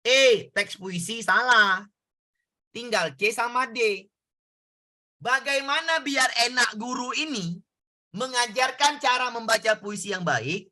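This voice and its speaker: A male tutor works through exam questions in a casual, back-and-forth way and keeps asking his students for answers. His voice sits high for a man. It sounds very bright and sharp. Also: expressive, a little slow. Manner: conversational, asks students questions. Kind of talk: exam prep lesson.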